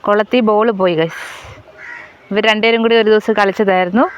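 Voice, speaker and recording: A woman's voice: medium pitch, fairly even intonation, a little fast, lo-fi sound, slight background noise. A young woman and mother chatting casually in a family vlog, coaxing and teasing small children.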